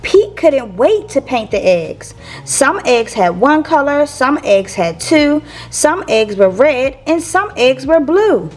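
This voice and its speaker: High, animated woman reading to children. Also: soft background music. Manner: expressive, measured phrasing for young listeners. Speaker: teacher reading picture books for a channel. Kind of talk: children's read-aloud storytelling.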